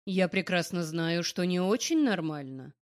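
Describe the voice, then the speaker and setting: A woman voicing a calm, self-assured young male boss who speaks in a low, level way in an audiobook. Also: moderate pace, lightly acted. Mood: calm persuasive. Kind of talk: audiobook character voice.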